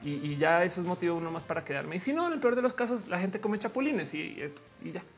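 Woman, live-stream host, casual chatter, reads the chat, laughs a lot, somewhat low voice. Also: quick pace, soft background music. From Colombia. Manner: chatty and slangy, laughing often. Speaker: livestream host.

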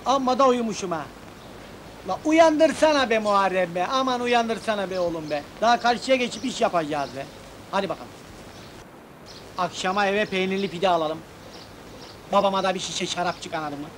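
An actor playing a brash working-class bear handler who grumbles, jokes and shouts, on a noisy old film soundtrack. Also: male voice, sits high, fairly quick, pauses often. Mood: coaxing. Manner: rough, bantering, exclamatory. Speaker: lead comic character.

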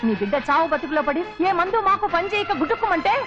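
A woman's voice: very high-pitched, sing-song, fast. An actress playing a spiteful, scheming mother in a melodramatic film, who scolds, curses and wails theatrically. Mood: venomous. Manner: scolding, cursing, theatrical wailing. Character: spiteful scheming mother, sharp-tongued and bitter. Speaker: mother in a family drama. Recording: dull lo-fi film audio with music.

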